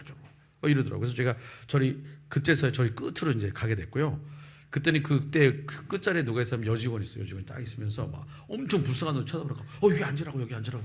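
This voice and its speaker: A male pastor in his fifties preaching a sermon and telling a personal testimony, with lively storytelling that acts out the people in it. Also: medium pitch, slightly rough. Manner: animated storytelling, acting out quoted voices. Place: church sanctuary.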